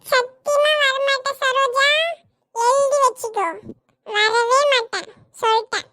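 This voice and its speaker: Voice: very high-pitched, fairly even intonation, a little slow, pushed and bright, no echo, clean studio sound, heavily acted. A performer voicing a whiny, sulky young boy in a family comedy cartoon, complaining tearfully that nobody will play with him. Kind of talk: family comedy skit dialogue.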